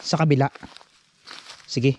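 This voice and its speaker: A man vlogging as he explores an abandoned forest site outdoors, talking in tense, hushed phrases. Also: measured pace, slight background noise. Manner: tense, wary, talks in short hushed phrases. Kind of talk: hushed exploration vlog narration.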